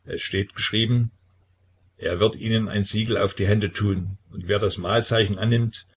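A man's voice: on the low side, steady tone, moderate pace, husky. A man voicing a stern old religious zealot who speaks in a solemn, preaching way.

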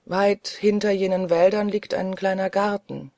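A reader voicing a weary, lonely old male ghost in a soft, dreamy, mournful manner, from an audiobook reading. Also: mid-range voice, takes it slowly, creaky, breathy edge, no echo, studio quality, exaggerated voice.

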